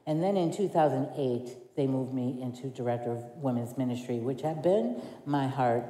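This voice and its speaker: A woman's voice: rumbling low, lively intonation, normal speed, dark tone. A middle-aged woman, a women's ministry director, telling her story as a church testimony in a candid way, laughing and acting out dialogue. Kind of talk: testimony sermon. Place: church sanctuary. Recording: echoey church hall.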